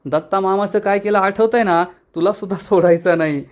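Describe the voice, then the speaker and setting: A man doing a carefree young woman who teases and jokes without worry, with a fairly high voice. She is quoted in a storyteller's recap of a TV serial. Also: brisk, lightly acted. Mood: cheeky. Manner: teasing and playful. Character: cheeky, carefree young woman, lovestruck daughter.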